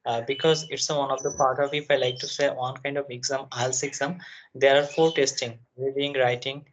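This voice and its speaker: A man from Bangladesh, a nursing student, speaking haltingly and searching for words in a conversation practice call. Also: mid-range voice, flat delivery, slight background noise. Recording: dull lo-fi sound.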